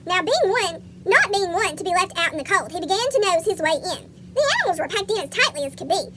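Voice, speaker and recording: Someone voicing a chipmunk with a squeaky cartoon voice, reading a picture book aloud to children. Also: animated, quick pace, heavy background noise. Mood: chirpy storytelling. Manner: asks young listeners questions. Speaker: story reader for children.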